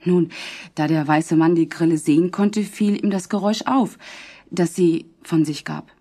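Low dark woman narrating a story, husky, calm. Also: normal speed.

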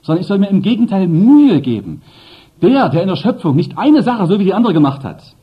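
A man's voice: sits high, big pitch swings, brisk, husky. A man preaching a sermon, speaking emphatically and addressing the congregation with asides. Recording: dull lo-fi sermon recording.

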